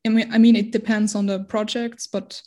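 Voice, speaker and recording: Speaking non-native English, this Austrian interview guest in her twenties gropes hesitantly for words in a casual conversation. Her mid-range voice is dark in tone, delivered flatly and fairly quickly.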